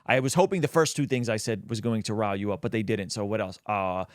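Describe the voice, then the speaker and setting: A man's voice: lowish voice, animated, quick pace, slight background noise. A man giving casual, opinionated video commentary as a host, speaking colloquially and with emphasis. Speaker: host of a reaction show.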